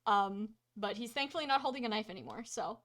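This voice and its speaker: A woman's voice: medium pitch, animated, fairly bright tone. A woman narrating a tabletop game as game master in a casual, colloquial, improvised way. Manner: halting, colloquial, full of 'like'.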